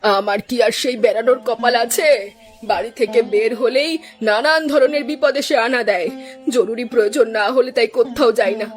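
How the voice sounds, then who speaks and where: A woman's voice: a little high, a little fast, soft background music, lightly acted. Woman voicing a stern old mother-in-law. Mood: weary. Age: older. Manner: scolding, suspicious, then tiredly resigned. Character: elderly village mother-in-law, stern but weary. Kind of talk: cartoon dubbing.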